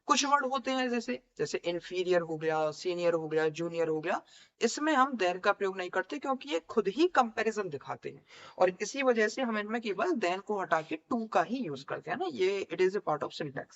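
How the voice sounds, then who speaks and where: हिंदी लहजे वाला एक पुरुष शिक्षक, जो अंग्रेज़ी व्याकरण पढ़ाते हुए खुद सवाल पूछता है और खुद ही जवाब देता है।. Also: male voice, high-pitched, big pitch swings, moderate pace, a bit bright. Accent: Hindi. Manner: asks questions and answers them himself, repeating key words. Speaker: English grammar teacher. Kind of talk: classroom lecture. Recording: dull lo-fi recording.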